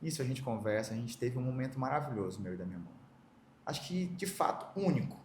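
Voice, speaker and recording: A man's voice: mid-range voice, expressive, fast talker, a little mellow, echoey room, a little hiss or hum. A middle-aged man from Brazil, sharing a personal story as a podcast guest, speaking with emotion and acting out the dialogue he recounts.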